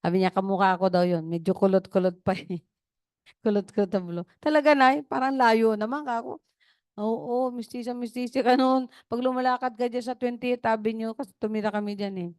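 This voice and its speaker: Woman pastor, sermon over video call: chatty storytelling delivery, smooth and fairly high voice, dry sound. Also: steady tone, brisk, a little mellow, no room sound. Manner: conversational, storytelling with tag questions.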